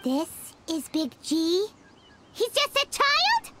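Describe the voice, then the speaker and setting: A tiny childlike fairy companion in a fantasy game. The squeaky voice is extremely high and swoops widely, over loud background noise. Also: female voice, big pitch swings, slow pace, heavily acted. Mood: puzzled, surprised. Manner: squeaky, speaks of herself in third person. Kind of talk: animated game character acting.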